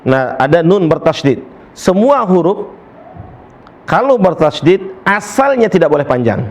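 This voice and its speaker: A man's voice: sits high, sing-song. A man teaching Quran recitation in a tajwid lesson. He chants verses, drills letter sounds over and over, and corrects students. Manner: demonstrates letter sounds slowly and repeatedly, then corrects students; switches between explaining and chanting verses.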